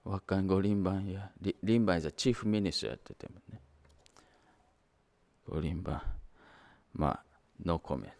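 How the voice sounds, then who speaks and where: A man's voice: low-pitched, moderate pace, vocal fry, long pauses, a little mellow. An older man from Japan, a Japanese native, giving an anecdotal sermon as minister, switching between Japanese and English. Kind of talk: sermon storytelling.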